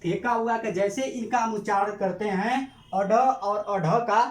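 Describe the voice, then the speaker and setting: Heard with a roomy sound, a high-pitched man gives a grammar lesson in which he answers his own questions. Key terms are repeated emphatically and drawn out as he says them.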